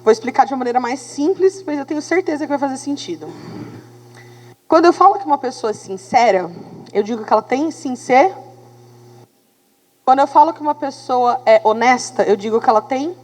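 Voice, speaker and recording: A woman teacher with a Brazilian Portuguese accent, giving an animated classroom lecture and checking in with her students as she goes. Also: high-pitched, brisk, long pauses, big-room sound, rough recording. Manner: animated, talks to students with tag questions.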